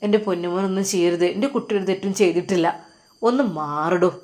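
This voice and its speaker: A woman's voice: on the low side, fast talker, darkish tone, close to an everyday voice. A woman voicing a protective, anxious father in a told story, imploring urgently.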